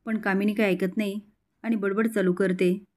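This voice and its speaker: A woman narrating a story in a steady retelling voice. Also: medium pitch, moderate pace.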